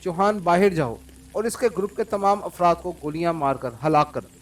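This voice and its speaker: A man's voice: on the high side, normal speed, recorded from a distance, lightly acted. A man playing a cold, witty male secret agent. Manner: calm and cold, mocking laughter. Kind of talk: audiobook character reading.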